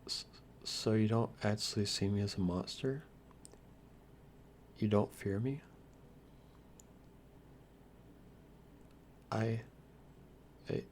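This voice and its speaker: In an ASMR roleplay, a man with a fairly low voice plays a shy, lonely, youthful vampire lord, stammering earnestly with hesitant, softly formal manners. He sounds touched and hesitant, and background hiss and noise are clearly audible.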